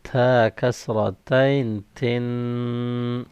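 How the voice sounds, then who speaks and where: Slow, clear male Quran reading teacher. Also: mid-range voice, level tone, darkish tone, dry recording. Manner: spells out each letter and vowel, then blends the syllables slowly. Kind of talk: slow syllable-by-syllable recitation drill. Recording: dull, slightly lo-fi dry recording.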